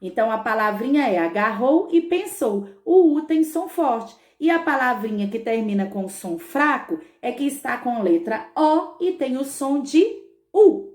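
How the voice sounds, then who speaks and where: Patient teacher in an echoey room. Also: female voice, a little high, sing-song, normal speed, hardly any pauses, a little mellow. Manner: patient, stretches words, frequent "tá bom?" check-ins. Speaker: schoolteacher. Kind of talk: remote lesson for young pupils.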